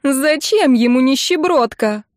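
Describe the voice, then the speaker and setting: In an audiobook, a young older sister wails in a high, nasal voice that cracks with hysteria, as a woman reader puts her on. She keeps a shrill, tearful lament going on one note, loud and strained, in a dry, close recording. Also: expressive, a little slow, dry recording.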